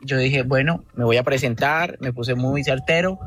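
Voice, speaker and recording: A man's voice: mid-range voice, moderate pace, fairly bright tone, a little hiss or hum. A man, calling a radio show on speakerphone and rambling earnestly about his devotion. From Antioquia, Colombia. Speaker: radio caller. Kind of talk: call-in storytelling. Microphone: phone on speaker.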